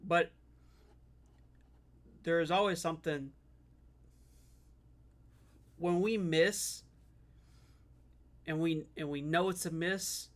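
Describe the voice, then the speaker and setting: A man's voice: a little high, steady tone, slow pace, long pauses. A man giving casual reaction commentary as a streamer.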